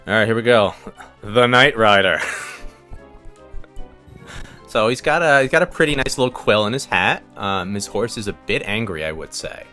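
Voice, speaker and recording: A man's voice: on the low side, moderate pace, pauses often, pushed and bright, soft background music. A man hosting a casual let's play, rambling with lots of fillers and chuckles as he plays. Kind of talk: casual gameplay commentary.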